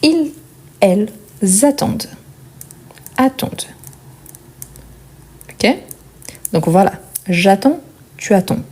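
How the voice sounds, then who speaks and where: Woman, language teacher, warm mellow voice, patient, repeats each form slowly, checks in with quick questions. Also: mid-range voice, expressive, husky. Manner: checks in with "ok?" and "bien". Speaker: French teacher. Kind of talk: explaining conjugation.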